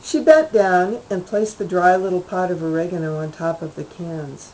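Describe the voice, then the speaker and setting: Woman calmly reading her short story. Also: lowish voice, normal speed, slight background noise, rough recording.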